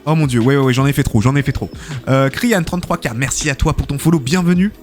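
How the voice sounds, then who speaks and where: A man's voice: medium pitch, fast talker, faint music behind. A man hosting a live game stream, commentating matches and reading out chat, chatty and full of fillers, thanking viewers often.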